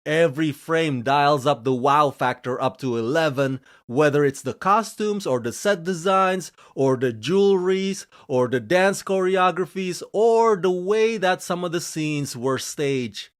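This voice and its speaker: A man's voice: lively intonation, unhurried, hardly any pauses. Guy from indonesia gushing thru a scripted tv review on his channel, big swings in how he says stuff. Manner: gushing, emphatic delivery with frequent swings in pitch and pace. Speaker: film reviewer and channel host.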